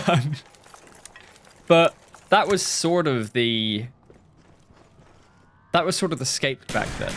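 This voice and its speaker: A gaming YouTuber in his thirties rambles through casual gameplay commentary into a headset mic, swearing a lot and mocking himself. His voice is medium-pitched and fairly bright, with a little hiss or hum.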